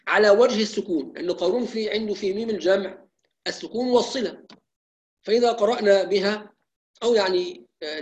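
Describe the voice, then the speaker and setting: Brief: high-pitched male recitation teacher, explains then slowly chants each example. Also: a little mellow, low-quality recording. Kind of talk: live recitation lesson with questions.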